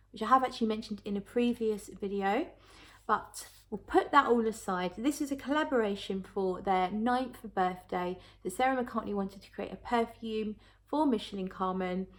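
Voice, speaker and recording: A woman talking casually to viewers as a reviewer, chatty and thinking aloud as she goes. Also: medium pitch. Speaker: perfume reviewer.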